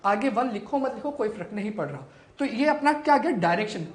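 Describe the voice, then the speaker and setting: A woman with a fairly high voice teaches a physics class, asking the students questions and then answering them herself. Her voice rings with the echo of the room. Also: lively intonation, a little fast.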